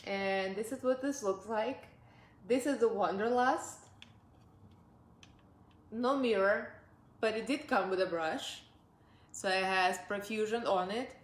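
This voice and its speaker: This Russian-accented woman in her forties reviews makeup from a living-room couch, slow-paced and pausing often in a mid-range voice. She's upbeat, talkative and quick to laugh, and the audio has a roomy quality.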